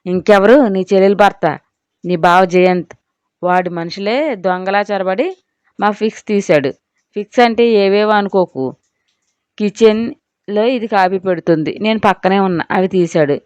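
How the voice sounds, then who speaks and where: A woman's voice: medium pitch, a little slow, darkish tone, clean tone, no echo, natural voice. A woman voicing a hot-tempered, proud young husband who speaks defiantly and angrily in an audio story. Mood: angry. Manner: defiant, boastful, angry.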